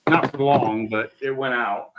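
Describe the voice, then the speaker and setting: A man hosting a casual video-call chat from his home garage, plain-spoken and quick to grumble about his connection. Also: mid-range voice, fairly even intonation, noisy background. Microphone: laptop on a video call.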